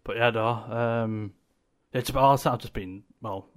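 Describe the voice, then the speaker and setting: A man's voice: medium pitch, unhurried. A young man co-hosting a podcast, chatting casually in a laid-back, rambling way with lots of fillers. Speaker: podcast co-host. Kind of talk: casual chat.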